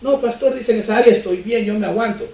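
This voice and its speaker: A man's voice: high voice, fast talker, creaky, dark tone, voice pushed up. A man voicing a brash young man who pleads comically for a wife to cook and clean for him. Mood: pleading. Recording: echoey church from far off.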